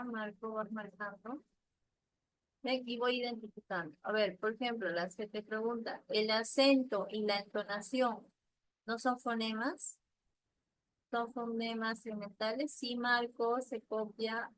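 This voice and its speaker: A woman teacher leading an online class, patiently asking questions and repeating answers slowly over a video call. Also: fairly high pitch, no room sound, rough recording.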